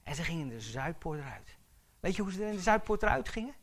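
Male pastor, sermon, forceful bright tone, emphatic and questioning. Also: sits high, very animated, fast talker. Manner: emphatic, building to urgent exhortation; asks the congregation questions.

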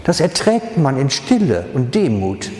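Male preacher, slow and expressive, acts out the story, reverberant church room. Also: medium pitch. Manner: dramatic storytelling, acting out voices. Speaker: pastor. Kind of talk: sermon. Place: church hall. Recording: echoey reverberant church hall.

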